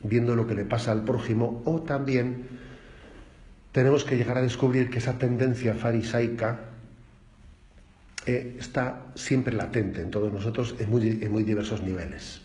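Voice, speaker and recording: A man's voice: mid-range voice, steady tone, moderate pace, mellow. An older man with a Spanish accent from Spain, preaching a conversational homily full of anecdotes and tag questions. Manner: chatty, storytelling, frequent tag questions. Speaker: bishop preacher. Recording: roomy echo, faint background noise.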